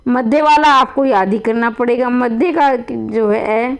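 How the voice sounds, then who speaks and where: A woman's voice: a little high, measured pace, clean tone. A woman teaching grammar to students in a classroom-style lesson, calling them children, repeating points and asking rhetorical questions.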